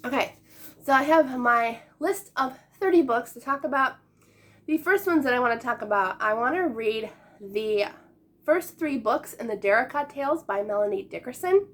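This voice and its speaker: A woman in her late twenties, a book vlogger chatting casually to camera, sick and a little hoarse, upbeat and laughing often. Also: fairly high pitch, lively intonation, moderate pace. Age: late 20s. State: sick, voice going.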